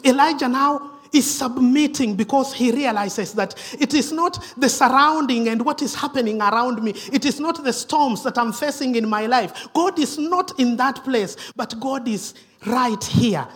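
A male preacher with a high voice and a husky edge delivers a sermon in a church. He swings between raised, emphatic lines and a hushed whisper, often repeating himself as he goes. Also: lively intonation, a little slow. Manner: dramatic drops to a hushed whisper; repeats himself, self-correcting restarts.

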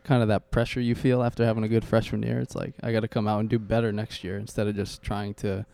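A man's voice: fairly low pitch, level tone, quick pace, creaky, mellow, clean tone. A young adult man, a guest on a casual podcast, talking modestly and hesitantly with many ums. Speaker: podcast guest, baseball player.

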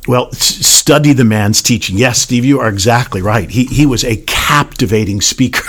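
Earnest older man, halting speech. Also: mid-range voice, fairly bright tone, breathy edge. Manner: earnest, halting with many restarts and fillers. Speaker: podcast guest pastor. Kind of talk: casual conversation.

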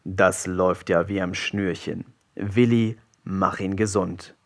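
A scheming pirate captain from a storybook talks in a hushed, lowish voice, calm and offhand, played by a man. He sounds unbothered and a little coaxing. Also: slow pace. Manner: soft, low-key and offhand.

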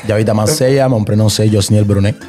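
A man from Cuba with a Cuban Spanish accent, a dance teacher in a radio interview, speaking in a halting way and mixing in Spanish words. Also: fairly low pitch, over a noisy crowd.

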